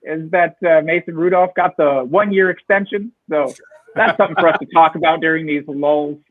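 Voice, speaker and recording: A man's voice: on the high side, moderate pace, no echo. A man joining a live football chat, making dry, teasing remarks. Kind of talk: casual sports chat. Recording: thin phone-like line, dry.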